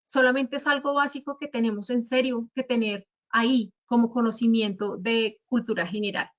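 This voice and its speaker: Speaking at an online writing talk, this Colombian woman explains spelling rules one example at a time, in a didactic, patient manner. Her high voice stays steady and moderately paced, and the audio has the slightly flat quality of a video call.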